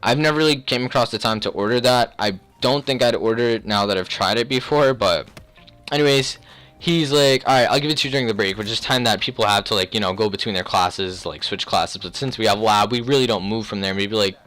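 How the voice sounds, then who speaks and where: A young man telling a personal story in a casual, rambling, slangy way, often clearing his throat. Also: fairly low pitch, brisk, a bit bright, faint music behind. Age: young adult. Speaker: video creator.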